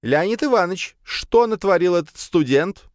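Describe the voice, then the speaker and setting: A bustling female dormitory warden takes charge in a high, fussy voice, as a male reader puts her on. The pitch is raised far above the reader's own, and the delivery is dry and close. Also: animated, normal speed, no echo.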